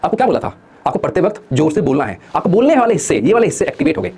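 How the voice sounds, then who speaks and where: A man's voice: sits high, sing-song, very fast, creaky, mellow, breathy edge. A man giving a motivational study talk to exam students, firing rhetorical questions and answering them himself, coaxing listeners to join in. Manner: coaxes listeners to join in and comment.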